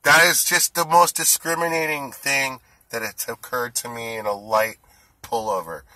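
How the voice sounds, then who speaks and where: A man's voice: medium pitch, steady tone, normal speed, sharp tone, no echo, low-quality recording. Forties male, indignant ranting vlogger, tense edge, dry close sound. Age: 40s. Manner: indignant, ranting, rising heat. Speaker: food delivery driver. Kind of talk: angry monologue to camera.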